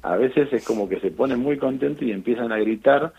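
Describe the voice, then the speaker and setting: A middle-aged Argentine man, an eye surgeon, telling stories in a relaxed interview, with lots of fillers and restarts. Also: medium pitch, fairly quick, slightly rough. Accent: Argentine Spanish. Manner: animated storytelling with frequent fillers and restarts. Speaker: eye surgeon on charity missions. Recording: tinny phone-line sound.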